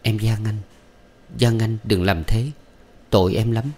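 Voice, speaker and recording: A man voicing a sorrowful young woman who talks softly and bitterly. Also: on the low side, steady tone, unhurried. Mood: pleading. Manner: soft, bitter.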